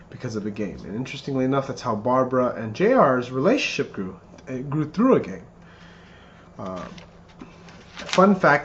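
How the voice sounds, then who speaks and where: Male, 30s, mid-pitched, earnest best man rehearsing a wedding toast; dull lo-fi sound with background noise. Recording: muffled lo-fi, clear background noise.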